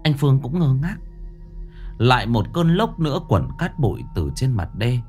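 Man, ghost story narrator, dramatic, lively intonation, faint background music. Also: medium pitch, normal speed. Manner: dramatic, expressive reading.

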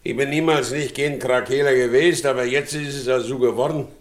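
An actor playing a brooding, jealous carter who speaks in a heavy, halting, threatening way in an old radio play. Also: male voice, medium pitch, fairly even intonation, lightly acted. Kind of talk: 1950s German radio play acting.

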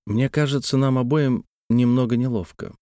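A man reading a young woman's lines in a story, speaking with bright, quick exclamations. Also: medium pitch, fairly even intonation, clear, resonant tone, no room sound, clean studio sound, pitched above the performer's own voice, natural voice. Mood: earnest. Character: young woman, lively, earnest and teasing.

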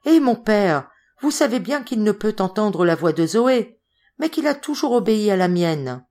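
A woman voicing a calm young bride with a harmonious, steady voice, in an audiobook reading. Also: medium pitch, normal speed, pitched above the performer's own voice.

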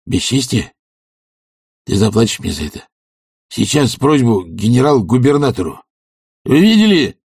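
A male reader voicing a coarse, blustering middle-aged sponger who shouts insults and self-pitying rants in a husky voice. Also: lowish voice, expressive, normal speed, long pauses, no room sound, studio quality, pitched above the performer's own voice, heavily acted. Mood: outraged.

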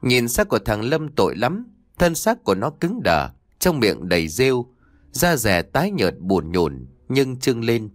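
A man's voice: mid-range voice, huge pitch swings, measured pace, no room sound, studio quality. A man narrating a sad ghost story as an audiobook, reading dramatically.

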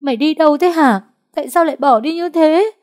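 A woman voicing a distraught, exhausted young woman who cries out in a shrill, accusing tone. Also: sing-song, slow pace, dark tone. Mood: tearful reproach.

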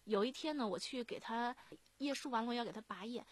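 Woman nurse telling her own stories, talks quick, dry close mic, lots of fillers. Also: on the high side, slightly rough, no room sound. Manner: plain, earnest, with many fillers and restarts. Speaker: emergency nurse. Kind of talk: personal storytelling in a radio interview.

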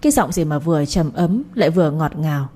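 Woman playing a scornful older mother-in-law, shrill and nagging, warm low-toned voice. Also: lively intonation, fast. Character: sharp-tongued scolding older mother-in-law.

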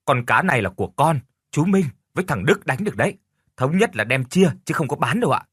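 A man voicing an excitable young adult son in an audio story, talking breathlessly. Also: on the high side, fairly quick, slightly rough, dry recording, clean studio sound, pitched above the performer's own voice, full character voice. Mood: excited.

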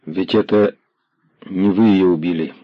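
Man doing a stern commissar, low voice, hard clipped delivery, dry dull sound. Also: steady tone, unhurried, no echo. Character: stern male revolutionary commissar, harsh.

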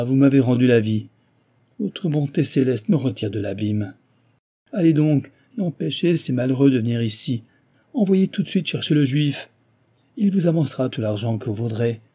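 A man voicing a desperate, ruined gentleman who pleads in a raised, frantic voice. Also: medium pitch, husky.

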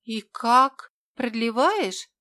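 A woman voicing a giddy, mocking young woman in an audiobook, crying out in high, loud exclamations. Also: animated, extremely slow, no room sound, full character voice. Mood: startled.

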